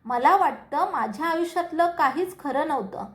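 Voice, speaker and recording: A woman's voice: sits high, expressive, normal speed. A woman voicing Aryan, a shaken young man in a read-aloud story, asking earnest questions.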